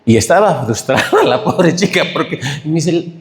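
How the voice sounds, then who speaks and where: Emotional preacher in an echoey hall. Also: male voice, a little high, normal speed. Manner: emotional, tearful, animated storytelling. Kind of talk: testimony sermon. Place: church hall.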